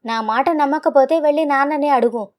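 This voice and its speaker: A woman's voice: sits high, fairly quick, a little mellow, close to an everyday voice. Woman doing a sarcastic younger son. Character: careless, mocking younger son, grown man.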